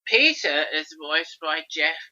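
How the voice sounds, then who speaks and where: Bright-toned man musing, lo-fi podcast. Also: on the high side, sing-song, takes it slowly. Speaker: podcast co-host. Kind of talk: casual chat reviewing an old cartoon. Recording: slightly dull lo-fi sound.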